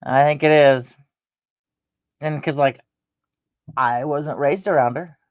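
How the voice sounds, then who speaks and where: A woman in her fifties chats unhurriedly, drifting from one thought to the next with plenty of pauses and restarts. Her voice is close and dry, with no room sound around it. She has an easygoing, offhand way of talking. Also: sits low, fairly even intonation, no room sound. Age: 50s. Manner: meandering, with frequent hesitations and restarts. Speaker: channel host. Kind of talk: rambling casual chat.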